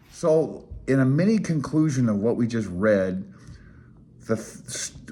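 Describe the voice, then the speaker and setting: An amateur radio hobbyist in his fifties gives an informal read-along tutorial on a handbook, thinking aloud in a hesitant, self-deprecating way. His voice is deep and husky.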